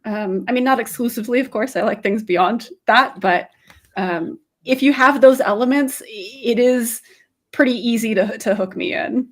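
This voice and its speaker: A woman guest in a podcast interview, speaking thoughtfully and pausing often with fillers. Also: fairly high pitch. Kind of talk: casual interview chat.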